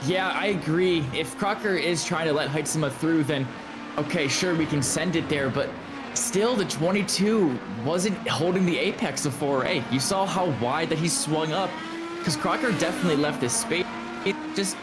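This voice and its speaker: Emphatic male motorsport commentator, slightly high voice. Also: moderate pace, music in the background. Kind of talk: live race analysis commentary.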